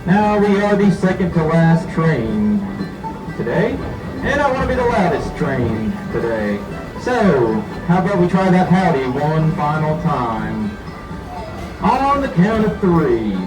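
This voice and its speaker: A man working as a train conductor, giving folksy announcements to passengers over an outdoor loudspeaker. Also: fairly high pitch, big pitch swings, slow. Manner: folksy, upbeat, addressing riders as folks. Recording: echoey loudspeaker heard from far off, music behind.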